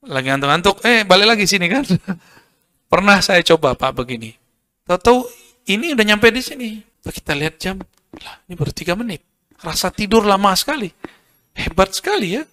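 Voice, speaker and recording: A man's voice: high voice, sing-song, moderate pace, long pauses, sharp tone. A man giving an informal religious lecture, joking, chatting with the audience and quoting Arabic verses. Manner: joking, conversational, quotes Arabic and addresses audience as Pak. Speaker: Islamic preacher.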